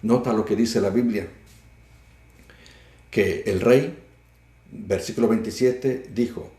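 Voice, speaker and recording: Male pastor, mellow low voice, fervent sermon cadence, roomy echo. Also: slow. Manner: fervent, repetitive preaching cadence.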